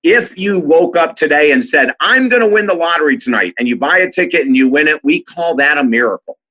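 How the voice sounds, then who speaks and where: A man's voice: on the high side, expressive, a little fast, sharp tone, highs cut off. A man, an author and speaker, telling stories as a podcast guest, enthusiastic and acting out the people he quotes. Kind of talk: animated storytelling interview.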